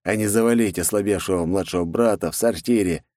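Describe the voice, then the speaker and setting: A man voicing a scheming elder brother and rival who talks in a calm, mocking, measured way. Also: deep voice, no room sound, studio quality, natural voice. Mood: cold, mocking.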